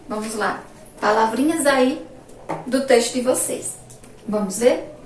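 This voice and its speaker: Brazilian woman teacher, slow and careful, drawn-out words, highish voice, echoey room heard from afar. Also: distant mic, a little hiss or hum. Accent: Brazilian Portuguese. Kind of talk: remote primary-school lesson.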